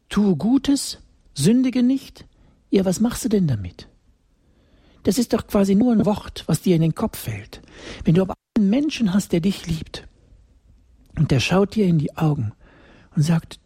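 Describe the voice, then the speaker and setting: Husky preacher, lively rising and falling pitch, dark mellow tone, emphatic sermon with whispered asides. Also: dry recording, clean studio sound. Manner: emphatic, repeats key phrases, drops into breathy whispers.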